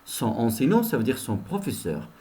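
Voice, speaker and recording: A man's voice: mid-range voice, wildly swooping pitch, normal speed, mellow. A male teacher giving a recorded lesson, repeating each sentence and explaining it to his pupils, whom he addresses directly.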